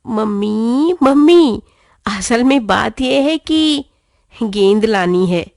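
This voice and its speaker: A woman's voice: on the high side, lively intonation, takes it slowly, creaky, a little mellow, no echo, studio quality, exaggerated voice. A woman voicing a playful little boy who coaxes and pleads in a children's storybook reading. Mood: pleading. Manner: wheedling, coaxing.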